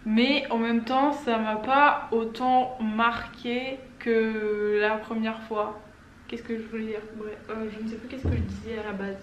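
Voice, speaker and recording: Young woman, casual vlog chat, slightly high voice, meandering, roomy echo. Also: little pitch movement, unhurried. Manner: chatty, rambling, loses her train of thought. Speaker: book vlogger. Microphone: camera or phone on a stand. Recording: echoey room with faint background noise.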